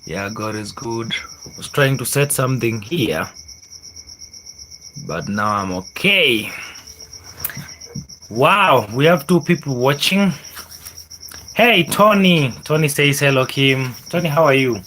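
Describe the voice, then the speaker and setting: An upbeat Kenyan man talks slowly and warmly to his livestream viewers, laughing often and drawing out words for emphasis. His voice sits at an ordinary middle pitch. A faint hiss of background noise and chirping insects hangs behind him. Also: lively intonation. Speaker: livestream host. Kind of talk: casual livestream talk reading chats.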